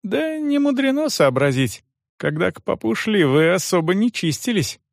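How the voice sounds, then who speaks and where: A man's voice: high voice, sing-song, moderate pace, creaky, no echo, clean studio sound, pitched above the performer's own voice, full character voice. A man voicing a shrewd young male servant who answers knowingly. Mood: cheeky. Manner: knowing, cheeky replies.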